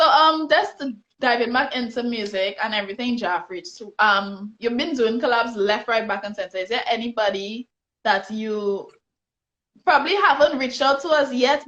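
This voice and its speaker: A woman's voice: fairly high pitch, moderate pace, a bit bright, lo-fi sound. A woman interviewing a guest in a casual, teasing chat full of laughter over a phone live stream. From Trinidad and Tobago. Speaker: interviewer blogger. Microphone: phone on a live video stream.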